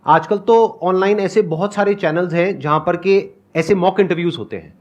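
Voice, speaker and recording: A man's voice: high-pitched, moderate pace, lo-fi sound. A man hosting a live seminar, chatty and joking about himself, mixing Hindi and English. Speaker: seminar host.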